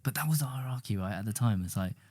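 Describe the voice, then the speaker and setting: Co-host, man, 30s, low mellow voice, quick relaxed delivery, casual chat. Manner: quick, laid-back, peppered with "like" and "right". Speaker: podcast co-host.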